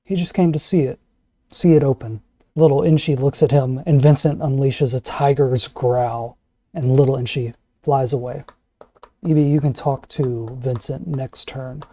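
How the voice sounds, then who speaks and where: A man's voice: mid-range voice, steady tone, moderate pace, warm tone, no room sound. A man casually narrating a tabletop role-playing game as game master.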